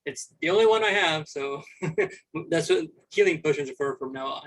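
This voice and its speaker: A man playing in a tabletop game, halting and breaking into laughs. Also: fairly high pitch, a bit bright, low-quality recording. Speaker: player. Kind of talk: casual tabletop play.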